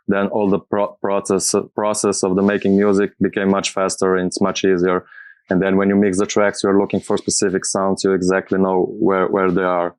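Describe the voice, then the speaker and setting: A man who speaks English as a second language, giving casual interview answers and searching for his words in a halting way. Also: sits low, smooth, no room sound. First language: not English. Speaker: music producer being interviewed.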